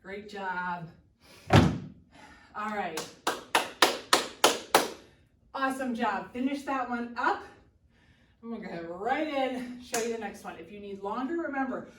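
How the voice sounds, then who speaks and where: Slow-paced female aerobics instructor, echoey room. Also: on the high side, animated, slight background noise. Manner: encouraging; short commands and counts called out during exercise. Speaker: fitness instructor leading a workout. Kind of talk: aerobics instructor cueing and counting reps. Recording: roomy echo, distant from the mic.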